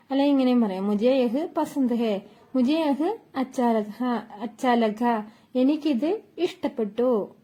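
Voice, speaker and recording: A woman gives a slow language lesson. She speaks at an unhurried pace and patiently repeats every phrase several times, her voice sitting high. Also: mellow. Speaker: Hindi teacher.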